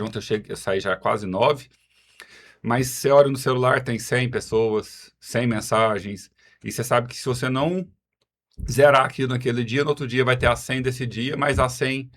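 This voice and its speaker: A man with a medium-pitched, fairly bright voice and a Goiás Brazilian accent is a podcast guest who serves as city health secretary. He answers interview questions casually, self-deprecating and drifting into explanatory asides.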